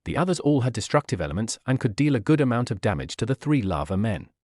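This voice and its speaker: A man reading a fantasy light novel aloud as audiobook narrator, in a steady storytelling manner. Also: mid-range voice, fast, no echo, studio quality. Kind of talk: scripted narration.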